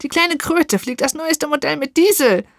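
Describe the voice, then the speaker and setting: A woman voicing a furious, spiteful old witch in a storybook reading, shrill and shouting in rage. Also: animated, normal speed, no room sound, clean studio sound, natural voice.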